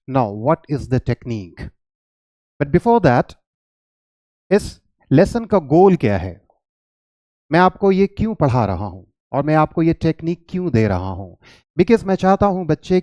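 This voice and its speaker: Indian guy teaching kids how to say long english words, slightly high voice, dry close sound, spells them out slow. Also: darkish tone, no echo. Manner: mixes English and Hindi, addresses viewers as children; says long English words slowly and deliberately. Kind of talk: classroom-style lesson to children.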